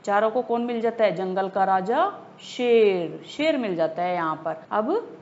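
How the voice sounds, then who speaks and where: Slow-talking woman teacher telling a story. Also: mid-range voice, animated, darkish tone, highs cut off, slight background noise. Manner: asks pupils questions and repeats points. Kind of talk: storytelling lesson for children.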